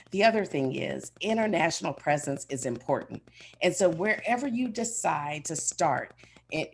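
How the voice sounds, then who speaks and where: A woman's voice: sits low, creaky. A woman giving a motivational business keynote with polished corporate enthusiasm, speaking emphatically and straight to her listeners. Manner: emphatic, addresses listeners directly.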